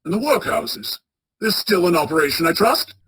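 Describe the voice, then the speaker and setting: A bitter old miser from a radio play, acted by a man, curt and full of scorn. The voice sits fairly high and cuts very sharply as it grumbles at everyone around. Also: expressive, normal speed, sharp tone, husky, exaggerated voice. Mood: sardonic.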